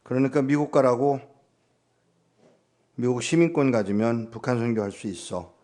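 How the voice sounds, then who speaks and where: A man's voice: mid-range voice, normal speed, mellow. A man preaching as a guest pastor, telling stories and acting out dialogue with his mother in his sermon. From Korea.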